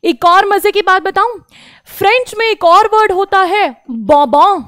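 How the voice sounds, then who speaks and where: A woman teaching French to children in an online class. She repeats each word slowly and speaks to the children directly. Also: very high-pitched, animated, a bit bright, no echo, studio quality. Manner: slow, drawn-out repetition of each word.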